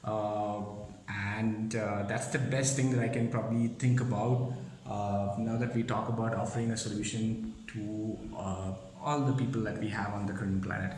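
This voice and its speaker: A man's voice: on the low side, fairly even intonation, moderate pace, darkish tone, slight background noise. A man giving a casual, rambling answer with many fillers and restarts. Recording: very echoey room, faint ambience.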